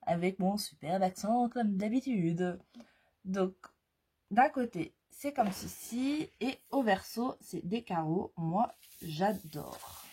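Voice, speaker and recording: Slow, husky-voiced woman chatting casually. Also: medium pitch, animated, warm tone. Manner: chatty, hesitant with frequent fillers. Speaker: scrapbooking vlogger. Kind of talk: casual product haul chat.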